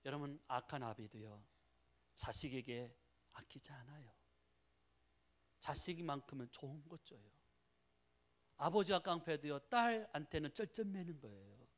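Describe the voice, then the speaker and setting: Animated Korean pastor preaching. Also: male voice, fairly high pitch, moderate pace, long pauses. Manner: animated, engaging the congregation with rhetorical "예?". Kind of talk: sermon.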